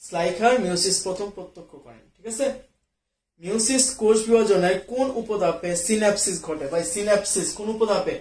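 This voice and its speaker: High-voiced man tutoring biology, echoey room. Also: normal speed, darkish tone. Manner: casual, often checks in with students; mixes English words into speech. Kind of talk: online class, solving quiz questions.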